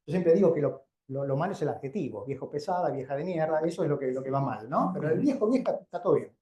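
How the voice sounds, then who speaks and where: An animated, fast-talking Argentine man with a higher, warm voice delivers an informal keynote lecture as a doctor. He teaches conversationally and keeps asking check-in questions of the live audience, and the indoor venue gives the sound a roomy echo.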